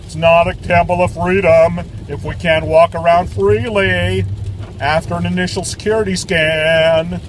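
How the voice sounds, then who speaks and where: A man's voice: sits high, steady tone, unhurried, slight background noise. A man delivering a sarcastic, mocking political rant, repeating words in a singsong way. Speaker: political commentator. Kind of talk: ranting monologue.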